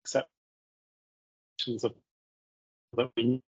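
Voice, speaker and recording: A man's voice: medium pitch, level tone, very slow, slightly rough, no echo. A man speaking on a video call as a panel guest, his audio breaking up and dropping out. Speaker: panel guest, culture consultant. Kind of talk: webinar discussion. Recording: muffled, dry video call line.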